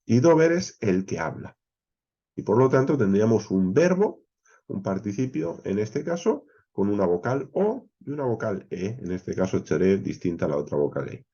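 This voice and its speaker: Man, Bible class teacher, lively low voice, mellow tone, slightly muffled sound, checks in with listeners. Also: breathy edge. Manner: explains step by step, often checking in with "¿vale?" and "¿bien?"; pauses often with "eh" fillers. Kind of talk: expository Bible class lecture.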